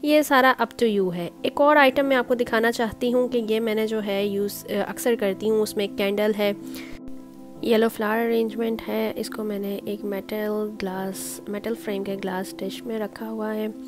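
A woman's voice: mid-range voice, fairly even intonation, normal speed, over music. A woman casually walking through a home table-setting demonstration, talking step by step and mixing in English words. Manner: chatty, explains step by step, mixes in English words. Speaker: home cooking channel host.

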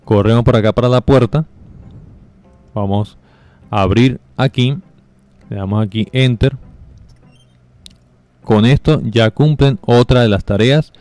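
A man giving casual step-by-step commentary over a game walkthrough, relaxed and explaining with fillers. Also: medium pitch, measured pace, pauses often, no room sound, faint music behind. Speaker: gameplay guide narrator.

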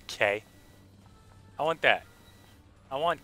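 A man's voice: medium pitch, expressive, takes it slowly, bright, forceful tone, faint music behind. A man streaming a video game live, chatting casually and thinking aloud with lots of fillers. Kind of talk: casual live gameplay commentary.

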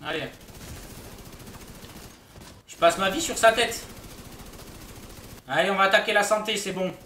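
A man's voice: high-pitched, a little slow, pushed and bright, echoey room, distant mic, slight background noise. A man streaming a shooter game, chatting casually with his viewers and joking in mock outrage. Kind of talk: casual live-stream commentary.

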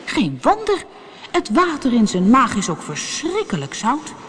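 A woman voicing Devo, a curious young sea creature who sounds high and surprised. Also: huge pitch swings, measured pace, a bit bright, long reverb tail, a little hiss or hum, full character voice.

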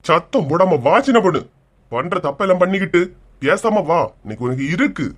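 Gruff angry village guy done by a woman, kanyakumari tamil accent, fast talker, cartoon. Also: low-pitched, expressive, voice pushed down. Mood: angry, bossy. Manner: gruff, bossy. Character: angry village man dragging a young woman. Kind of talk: cartoon voice acting.

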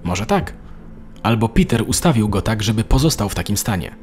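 A man's voice: lowish voice, sing-song, moderate pace, a little mellow, faint music behind. A man reading a worried mother. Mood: uneasy. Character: worried, uneasy middle-aged mother. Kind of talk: storybook narration.

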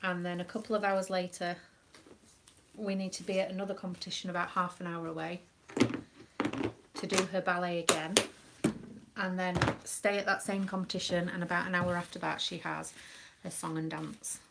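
Recorded with a lot of noise, a woman from the United Kingdom talks in a lowish, flat voice with vocal fry at a moderate pace. She's a proud dance mum hosting a craft live stream, chatty and rambling with frequent ums.

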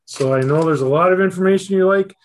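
A man's voice: high voice, fast talker. A middle-aged man introducing a speaker on a video call from a small office, reading a bio with small slips and fillers. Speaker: event host. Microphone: video call webcam.

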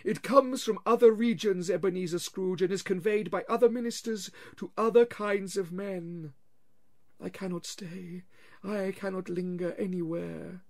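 Jacob Marley, a wailing chained ghost. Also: male voice, sits high, steady tone, creaky, voice pushed up. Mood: mournful. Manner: slow, wailing, drawn-out lament with anguished cries. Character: tormented old male ghost dragging chains. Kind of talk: audiobook reading.

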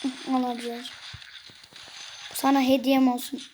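A gaming video creator giving excitable gameplay commentary, cursing and joking at the game characters. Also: sits high, a little slow, background noise.

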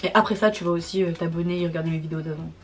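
A woman's voice: lowish voice, rapid-fire, faint music behind. Exasperated young woman venting, slangy. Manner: exasperated, slangy, swearing, animated. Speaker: vlogger. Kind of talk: casual storytime monologue.

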